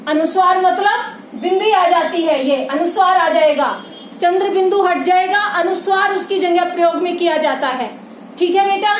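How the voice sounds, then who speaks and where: A woman with a very high voice teaches grammar patiently, repeating each point and often checking that her students follow. She is recorded in a roomy, echoing space with a faint hiss behind her. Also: normal speed. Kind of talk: classroom grammar lesson. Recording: echoey room with faint noise.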